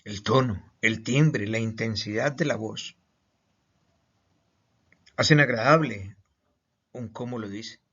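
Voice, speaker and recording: A Colombian man teaches a recorded online lesson, stressing each point with questions and repeated words. His voice is on the low side, bright and husky, and he speaks slowly with frequent pauses. The lo-fi audio sounds slightly muffled.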